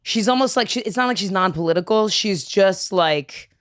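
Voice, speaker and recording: A woman's voice: mid-range voice, animated, moderate pace, dry recording, studio quality. A woman chatting casually on a podcast, rambling and peppering her talk with "like". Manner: rambling, heavy use of "like". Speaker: podcast co-host. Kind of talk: casual chat.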